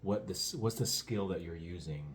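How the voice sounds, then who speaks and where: A man's voice: low voice, moderate pace. A man in a casual interview chat, prompting the other person with encouraging questions. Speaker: interviewer, ice bath host. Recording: clear background noise, ambient hum.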